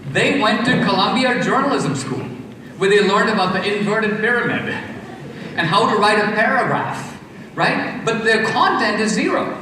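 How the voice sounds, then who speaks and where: A man's voice: high voice, expressive, normal speed, pushed and bright, a little hiss or hum. A man from India speaking in an emphatic lecture style, counting off his points and asking rhetorical questions. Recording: echoey hall, far from mic.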